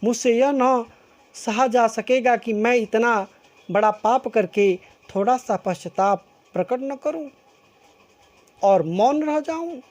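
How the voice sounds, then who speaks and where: A woman teacher explaining a poem line by line, slowly rephrasing each point several times. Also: on the high side, a little mellow. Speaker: school teacher.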